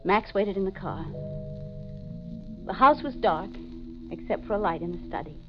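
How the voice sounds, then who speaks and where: An actress with a natural, medium-pitched voice speaks animatedly at a moderate pace, playing a haunted, desperate wife confessing her murders in first-person narration. The style is intense, melodramatic 1940s radio mystery, heard on a dull old 1940s radio recording with music.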